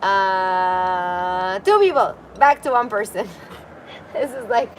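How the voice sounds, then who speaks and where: With traffic from a busy street below, a woman hosts a laid-back livestream on her apartment balcony. She reads comments aloud, chatting and giggling, in a mid-range voice at a slow pace. Outdoor street noise is audible.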